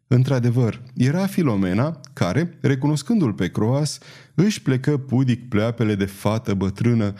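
A man narrating an audiobook in an expressive storytelling manner. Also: medium pitch. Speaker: audiobook reader.

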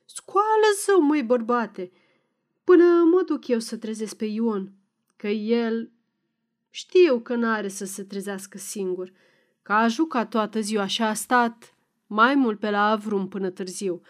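A woman voicing a sharp-tongued, grumpy old peasant wife in a read-aloud novel. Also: fairly high pitch, natural voice. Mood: scolding.

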